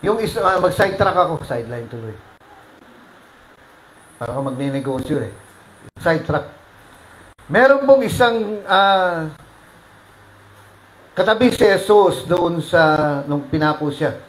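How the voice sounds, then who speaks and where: High-voiced man preaching. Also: expressive, measured pace, pauses often, echoey room, rough recording. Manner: preaching with sudden loud rises and soft drops; mixes English phrases into his preaching. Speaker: pastor. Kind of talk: sermon.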